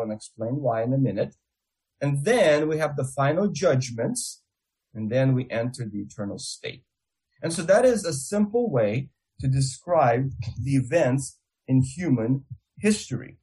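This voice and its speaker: Husky man with a Russian accent, lecturing. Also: mid-range voice, mellow, low-quality recording. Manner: explanatory, step-by-step. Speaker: Bible teacher. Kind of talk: theology lecture.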